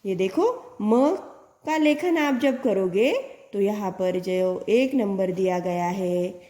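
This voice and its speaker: A woman teacher, slowly explaining a lesson to young children, sounding out letters and words and answering her own questions. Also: mid-range voice, warm tone, reverberant. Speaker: primary school Hindi teacher. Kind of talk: slow classroom explanation to children.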